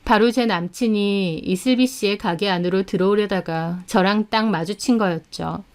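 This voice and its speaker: A woman's voice: mid-range voice, normal speed. A woman narrating a first-person drama story in an indignant, dramatic tone.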